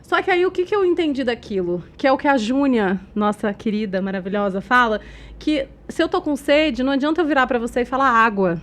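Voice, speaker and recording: Brazilian woman, communication-expert guest; expressive, loud-natured storyteller, slightly high voice. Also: brisk. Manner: expressive, animated storyteller who laughs often; says she talks loudly by habit. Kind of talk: casual interview storytelling.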